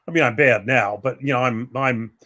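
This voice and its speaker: An older man co-hosting a casual live stream, talking in a halting, rambling, self-deprecating way. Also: medium pitch, bright, forceful tone.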